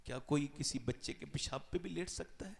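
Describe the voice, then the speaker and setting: A man preaching an emotional sermon, his voice swinging sharply from loud cries to low, hushed passages. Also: creaky, husky. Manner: impassioned, sweeping swings in pitch and loudness. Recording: long reverb of a large hall.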